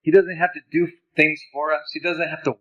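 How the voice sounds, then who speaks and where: A man's voice: fairly high pitch, level tone, brisk, fairly bright tone, lo-fi sound. A man who grew up in Honduras, teaching about ministry in a conversational lecture over slides, with personal stories.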